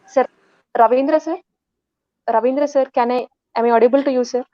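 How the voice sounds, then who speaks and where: A woman's voice: sits high, steady tone, brisk, mellow, no echo, lo-fi sound. A woman with an Indian English accent coordinating a live online session, polite and addressing people as sir again and again. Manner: polite, keeps saying "sir".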